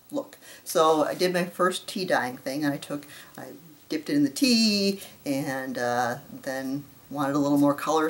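A middle-aged woman hosting a casual show-and-tell craft vlog, chatty and self-deprecating, with fillers and restarts. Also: rumbling low. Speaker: flosstube host.

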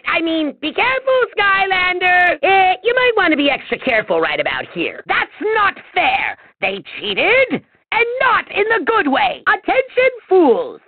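A man voicing a vain, scheming little evil emperor in a video game, with a shrill gravelly voice and a pompous, theatrical, exclamatory delivery. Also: huge pitch swings, measured pace, no echo, heavily acted. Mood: excited, bossy. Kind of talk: video game villain voice acting. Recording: thin, phone-like narrow-band sound.

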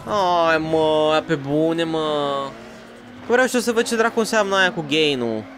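Excitable slangy man commentating a racing game. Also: on the high side, slight background noise. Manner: excitable, slangy, talks to himself and viewers. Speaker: gaming YouTuber. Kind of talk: let's play commentary.

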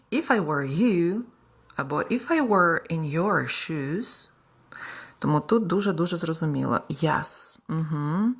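A young woman with a Ukrainian accent, a tutor running a live exam-prep lesson, mixing Ukrainian explanations with English example sentences she reads out slowly. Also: on the low side, fairly bright tone, breathy edge.

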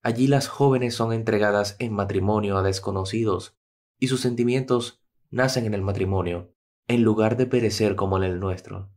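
A man voicing a gentle middle-aged surgeon and father, talking softly and in a measured way in a storybook tale. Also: lowish voice, fairly even intonation, lightly acted. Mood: somber.

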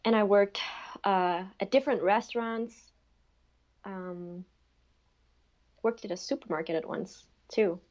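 This young Danish guest on a podcast has a medium-pitched, darkish voice and talks a little slowly, pausing often. She joins from her bedroom by video call through an earphone mic, so the sound is lo-fi, and she fills her casual chat with "like" and "um."

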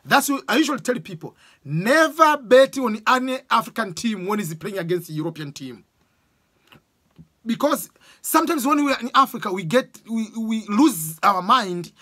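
A high-pitched Tanzanian man in his forties, an education vlogger with a Tanzanian accent, gives animated, casual exam advice close to the camera. He gestures a lot and leans on sports examples. He's indoors in a small room with bookshelves, framed like a close-up webcam shot.

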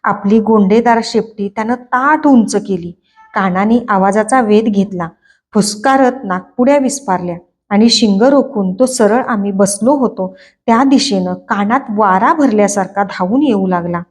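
A woman hosting a book reading channel, narrating a novel in a clear, expressive storytelling manner. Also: medium pitch, moderate pace. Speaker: book reader.

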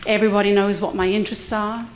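A middle-aged woman speaks fast and flatly in a mid-range voice, with slight background noise. She is a cohousing resident on a university conference panel, giving a prepared talk at a podium microphone in a lecture room, candid and lightly humorous.

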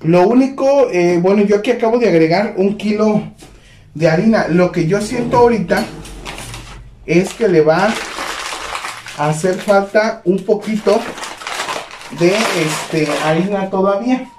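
A man hosting a home cooking demonstration, talking in a relaxed way with lots of fillers as he addresses viewers as friends. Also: high voice, a little slow, long pauses. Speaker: cooking channel host. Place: home kitchen. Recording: echoey kitchen with faint noise.

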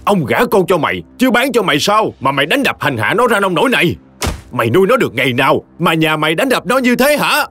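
A man's voice: a little high, big pitch swings, quick pace, bright, forceful tone, soft background music, voice pushed up. A man voicing an enraged older father who curses at his son-in-law in a storybook reading. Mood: furious. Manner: roaring, cursing. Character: furious older father, hot-tempered.

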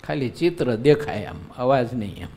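A man's voice: mid-range voice, lively intonation, normal speed, mellow, a little hiss or hum. A man who is a monk, giving a devotional sermon at a live religious gathering in a conversational way, often asking his listeners rhetorical questions. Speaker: monk preacher.

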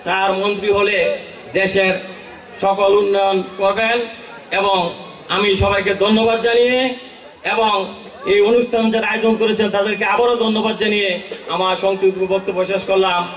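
A man with a Bangladeshi accent giving an emphatic, declamatory political rally speech, often raising his voice to a shout. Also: high voice, flat delivery, moderate pace, pauses often. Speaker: political party leader speaking at a rally. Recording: echoey, distant public-address sound.

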